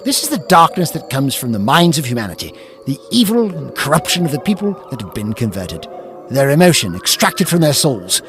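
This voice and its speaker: A man playing a defiant, eccentric alien time traveller in a sci-fi audio drama, speaking in theatrical, expressive speeches. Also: medium pitch, fairly quick, natural voice. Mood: grave. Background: music.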